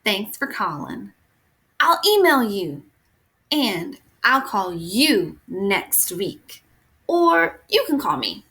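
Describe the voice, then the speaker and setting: A woman voicing a homesick, excitable young boy in a read-aloud storybook. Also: medium pitch, takes it slowly, heavily acted. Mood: upbeat.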